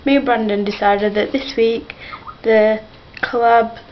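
A woman's voice: fairly high pitch, fairly even intonation, unhurried, dull audio, slight background noise. Giggly young woman rambling to her webcam. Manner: chatty, giggly, wandering with filler and asides. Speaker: vlogger. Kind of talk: rambling casual vlog. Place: her bedroom.

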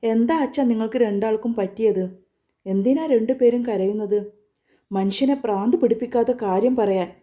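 A woman storyteller voicing a young woman deeply in love, speaking in a pleading, emotional way. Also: moderate pace, warm tone, natural voice. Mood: worried.

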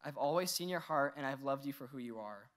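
This time the Iranian teen valedictorian sounds mid-range, brisk and expressive, with a somewhat bright tone. He speaks from a podium on a big indoor stage, earnest in his graduation speech yet quick to joke and laugh.

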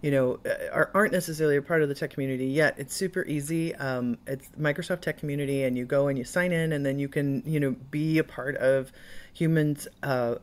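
A woman's voice: low voice, steady tone, fairly quick. A woman from the Midwest hosting a podcast interview, chatty and enthusiastic, with lots of fillers. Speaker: podcast host. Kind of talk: casual interview chat.

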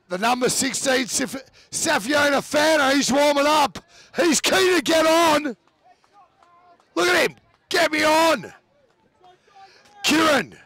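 A man giving live rugby commentary, excitable and often shouting over the play, with chatty asides about the players. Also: very high voice, no echo.

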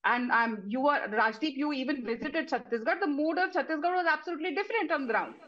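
Woman arguing on tv panel, sharp high voice, combative, kinda dull audio. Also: quick pace. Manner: combative, insistent. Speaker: opposition party spokesperson. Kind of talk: political panel debate.

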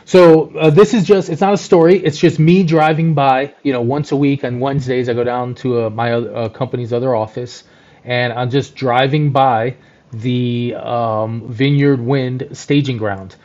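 A man's voice: mid-range voice, fairly even intonation, moderate pace, a little mellow, highs cut off. A man co-hosting a podcast, rambling enthusiastically with plenty of fillers in casual chat. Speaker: podcast co-host, journalist.

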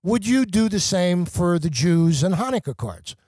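A man with a high voice that swings widely in pitch. He argues forcefully as a podcast guest, hammering each point home with passion. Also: sing-song, normal speed, breathy edge, no echo. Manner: emphatic, impassioned, argumentative. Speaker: journalist and talk radio host, guest. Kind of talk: podcast conversation.

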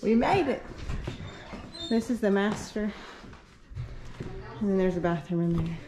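A woman's voice: mid-range voice, animated, measured pace. A woman vlogging casually, chatting along as she shows things around and describes them. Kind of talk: casual vlog narration. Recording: noisy handheld recording.

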